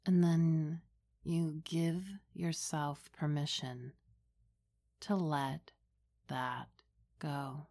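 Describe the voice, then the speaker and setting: Slow, low-voiced woman guiding meditation. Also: level tone. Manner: soothing, unhurried, gentle delivery. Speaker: meditation guide and hypnotherapist. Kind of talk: guided meditation.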